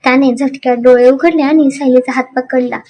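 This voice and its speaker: A woman narrating a dramatic story in an expressive, animated way. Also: high voice, brisk.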